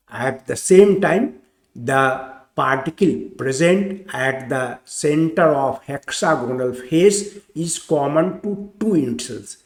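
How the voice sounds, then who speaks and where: Male teacher, slow careful lecture, higher voice, echoey room. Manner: slow, deliberate, repeats points step by step. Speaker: chemistry teacher.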